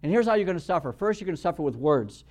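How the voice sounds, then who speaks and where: A pastor preaches a sermon in a fairly high, sing-song voice at a very fast clip. He acts out quotes, swings between quiet storytelling and loud bursts, and often repeats words as he restarts.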